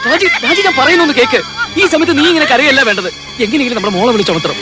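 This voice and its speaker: A desperate father in a film drama, near tears, calling out names over and over. The voice sits very high and moves quickly, rising and falling with feeling. A film score swells behind him. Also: very animated, over loud music. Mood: pleading desperate. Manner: urgent, pleading, repeats names. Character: frantic young father pleading with his wife. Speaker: father of a trapped girl.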